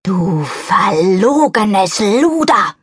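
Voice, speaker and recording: A woman's voice: on the high side, normal speed, dry recording, studio quality, pitched above the performer's own voice, lightly acted. A woman voicing a furious, scornful middle-aged society wife in an audiobook. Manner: shrieking, scornful. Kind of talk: audiobook character voice.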